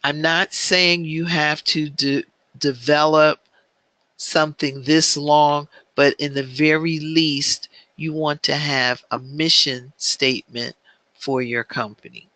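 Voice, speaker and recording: A man teaching an online business planning class, speaking in a measured way with frequent filler ums. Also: fairly high pitch, fairly even intonation, bright, forceful tone, dry recording.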